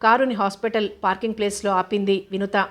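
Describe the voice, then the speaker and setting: Even-toned woman reading a novel. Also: mid-range voice, fast. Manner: calm, even storytelling. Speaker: narrator.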